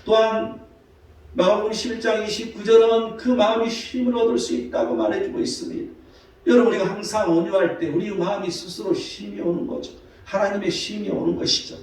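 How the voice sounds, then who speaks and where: A man's voice: sits high, steady tone, a little fast, darkish tone. A male pastor giving a Sunday morning sermon in a church sanctuary, citing scripture and posing rhetorical questions to the congregation. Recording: very echoey hall from far off.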